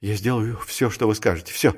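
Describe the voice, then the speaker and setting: A man's voice: medium pitch, fairly even intonation, fast talker, natural voice. A man doing a timid, trembling young clerk. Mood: hushed, frightened. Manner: hushed and trembling. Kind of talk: audiobook character reading.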